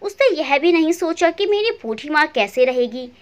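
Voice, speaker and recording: A gentle, respectful son-in-law, polite and worried for an old mother left alone, voiced by a woman storyteller. His voice sits high and rises and falls with feeling in an audio storybook. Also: very animated, normal speed. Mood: concerned. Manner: polite, caring.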